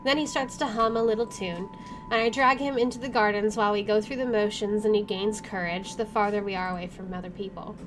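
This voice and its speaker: This gaming video host reads a visual novel's narration aloud and chats about it in a relaxed, reactive style. Her medium-pitched voice is fairly even in intonation and brisk in pace. There's game music behind her and slight background noise.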